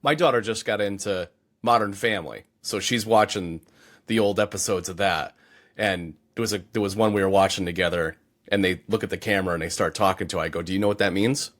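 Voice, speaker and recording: A man talking casually on a podcast, chatty and laughing easily, often closing his points with a quick "right?". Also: deep voice, fairly bright tone.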